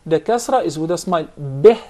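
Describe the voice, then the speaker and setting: A man's voice: high-pitched, brisk, darkish tone. Man teaching Quran recitation patiently. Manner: patient, explanatory, questions students. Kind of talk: classroom instruction.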